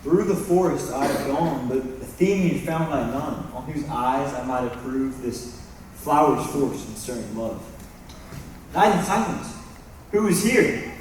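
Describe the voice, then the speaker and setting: A young man playing a mischievous male forest sprite in a school stage play, delivering rhyming verse briskly. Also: mid-range voice, lively intonation, a little hiss or hum, natural voice. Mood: playful. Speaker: stage actor. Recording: echoey hall from far off.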